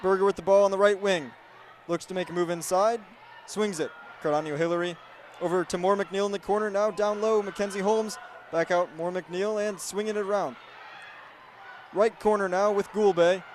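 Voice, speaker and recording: An American student sports reporter in his twenties speaks at normal speed in a voice that sits high, with fairly even intonation. He does highlight reads and play-by-play, and there's slight background noise.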